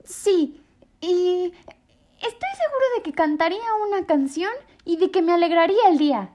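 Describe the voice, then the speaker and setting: A woman's voice: very high-pitched, animated, moderate pace, warm tone, voice pushed up. A woman voicing a tiny, lonely young male bird who eagerly pleads to find his mother, in a storybook reading. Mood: tearful hopeful.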